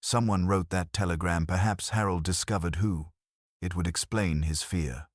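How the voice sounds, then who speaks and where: A man voicing a gentle, shrewd elderly lady detective in an audiobook, speaking softly and politely. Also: low voice, fairly even intonation, normal speed. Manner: soft, polite and probing.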